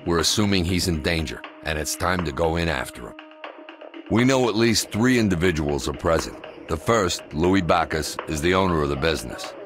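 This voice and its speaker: A deep-voiced American police tactical commander, gives a grave, commanding briefing over prominent music. He is measured and matter-of-fact, like a squad leader in a tactical video game. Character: grave, commanding male SWAT commander briefing his team.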